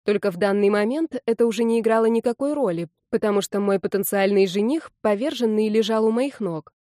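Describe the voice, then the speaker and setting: A woman's voice: mid-range voice, fairly quick, dark tone, no echo, studio quality. Woman narrating a wry audiobook. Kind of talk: first-person audiobook narration.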